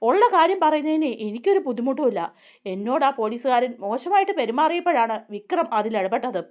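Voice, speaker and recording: A woman voicing a firm, protective young wife who explains herself earnestly, in a lively voice. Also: sits high, quick pace. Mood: earnest, defending.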